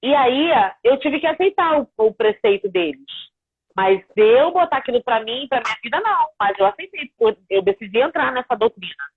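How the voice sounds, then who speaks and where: A woman's voice: sits high, lively intonation, fairly quick, creaky, husky, no echo. A Brazilian woman hosting a live conversation, talking in an earnest, chatty way and quoting her family. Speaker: host, spiritual house leader. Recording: tinny phone-like line.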